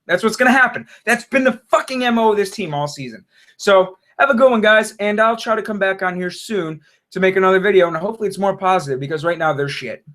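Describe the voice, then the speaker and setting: High-voiced man on a swearing fan rant. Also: fast talker, fairly bright tone. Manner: frustrated, heavy swearing, repeats himself. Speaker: sports fan vlogger. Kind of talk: profane fan rant to camera.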